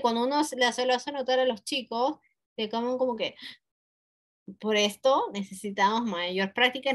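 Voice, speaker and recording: A woman teaching a webinar for teachers on a video call, talking conversationally with many tag questions and fillers, and clearing her throat often. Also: mid-range voice. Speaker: English teacher leading a webinar. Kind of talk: live online teacher talk.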